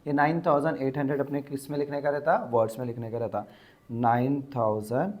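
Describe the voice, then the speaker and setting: A man teaching an exam-prep grammar lesson, explaining step by step and repeating words slowly to dictate. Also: mid-range voice.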